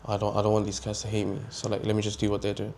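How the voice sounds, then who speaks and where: Man, 23, plain-spoken interviewee, low and extremely monotone. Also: very fast. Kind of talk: casual interview answers.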